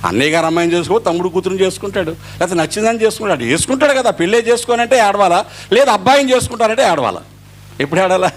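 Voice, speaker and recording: A man's voice: high-pitched, expressive, rapid-fire. A middle-aged male pastor preaching an Easter sermon, acting out dialogue as he goes.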